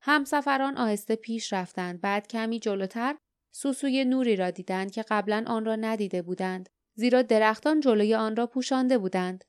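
In a dry, studio-quality recording, a clear-voiced woman narrates a scripted story for an audiobook. Her pitch is on the high side.

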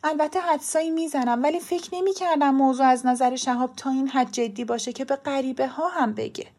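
A woman reads a story aloud in the first person, calm and even as she narrates. Her voice is high and clear, and the pace is steady. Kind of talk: storybook reading.

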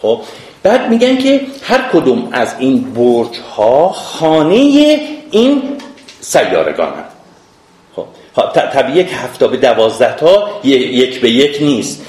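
A man's voice: medium pitch, huge pitch swings, a little mellow. A man teaching a classroom lecture, patiently explaining and chanting lines of verse, often urging his students to pay attention. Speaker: literature teacher. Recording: roomy classroom echo.

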